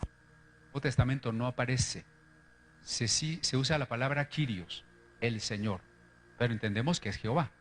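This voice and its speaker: A man's voice: mid-range voice, moderate pace, pauses often, a bit bright. Explaining male lecturer, faint noise. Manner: explanatory, checks in with "¿verdad?". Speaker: lecturer on Bible history.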